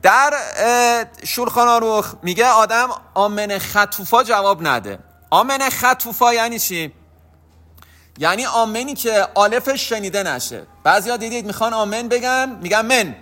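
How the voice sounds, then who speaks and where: Man, religious lesson, high voice, bright tone, patient, repeats points. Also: expressive. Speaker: religious teacher.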